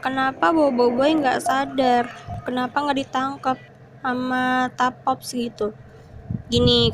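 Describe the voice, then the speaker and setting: A woman's voice: sits high, noisy background. A woman doing casual horror game streamer commentary, talking to viewers and muttering repeated short phrases to herself as she plays. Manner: muttering to self, repeating short words while reacting. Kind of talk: casual gaming commentary, explaining to viewers while playing.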